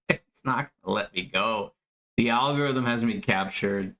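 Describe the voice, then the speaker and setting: A man streaming, chatting casually and thinking out loud as he reacts to a clip. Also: medium pitch, slow. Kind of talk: casual chat.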